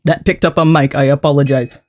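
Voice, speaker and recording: A little under the weather, a game streamer chats informally on stream in a voice pitched deeper than normal, wandering between topics, laughing frequently, and welcoming and thanking the audience. The tone stays steady and slightly mellow, and the pace is moderate.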